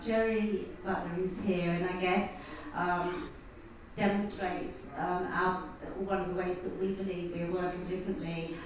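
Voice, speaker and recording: A woman's voice: on the low side, distant mic. A woman moderating a conference panel, introducing a guest with frequent hesitations. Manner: hesitant, many ums. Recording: echoey hall mic with room noise.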